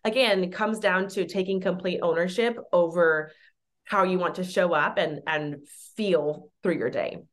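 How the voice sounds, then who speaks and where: A woman's voice: fairly low pitch, a little slow. Chatty woman therapist, podcast guest. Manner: chatty, animated, many "like" fillers. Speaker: pediatric occupational therapist guest. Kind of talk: casual podcast conversation.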